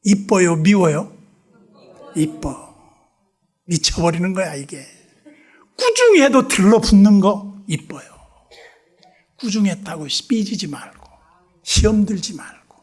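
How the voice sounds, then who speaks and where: A man preaching a revival sermon in a church, telling stories animatedly and acting out both sides of dialogues, dropping to hushed asides. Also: sits high, sing-song, slow pace, pauses often, slightly rough. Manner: drops to hushed whispers for asides. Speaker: pastor. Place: church sanctuary.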